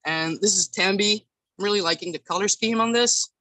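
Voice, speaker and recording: Bright-voiced person from Quebec, halting and informal. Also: mid-range voice, no room sound. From Quebec, Canada. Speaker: hobby sculptor streamer showing work. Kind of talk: casual live shop tour. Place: home workshop in a house. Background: bubbling aquarium water, passing truck.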